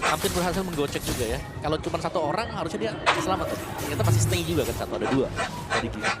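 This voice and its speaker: A man's voice: on the high side, rapid-fire. A man with an Indonesian accent giving explanatory esports commentary, mixing in English gaming slang. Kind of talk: analytical live game commentary. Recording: loud music behind commentary. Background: loud music.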